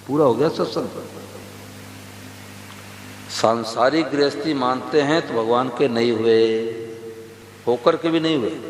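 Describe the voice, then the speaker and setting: A man giving a devotional sermon to a gathering, telling stories with quoted dialogue and asking the audience questions. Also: medium pitch. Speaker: religious preacher. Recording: echoey hall with faint hum.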